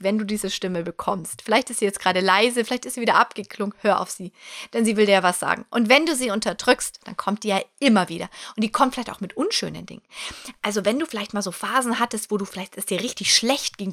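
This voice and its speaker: German woman in her forties, motivational podcast. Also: medium pitch. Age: 40s. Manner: animated, talks straight to the listener. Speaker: podcast host. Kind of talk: personal motivational monologue.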